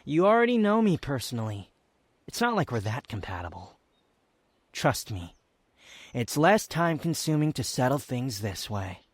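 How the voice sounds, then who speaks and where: A man playing an aloof, proud, sardonic young wanderer in an intimate roleplay audio drama, speaking in haughty, formal, halting phrases. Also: medium pitch, big pitch swings, no room sound. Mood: guarded, formal. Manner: haughty, formal wording, halting, sighs and scoffs.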